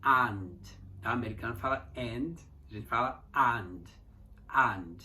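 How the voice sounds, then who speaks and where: Bright-voiced Mineiro man teaching English. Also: medium pitch, a little hiss or hum. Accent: Mineiro Brazilian Portuguese. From Minas Gerais, Brazil. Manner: slow, repeated pronunciation drills with frequent "tá?" check-ins. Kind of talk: online language lesson.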